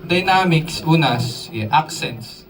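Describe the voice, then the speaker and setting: A man's voice: on the high side, animated, slow, fairly bright tone, a little hiss or hum. A man teaching a drum workshop, chatting casually and quizzing his audience. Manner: casual, asks the audience questions, code-switches with English terms. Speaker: drum instructor. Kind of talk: live drum workshop talk. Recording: voice distant from the mic, drums in the room.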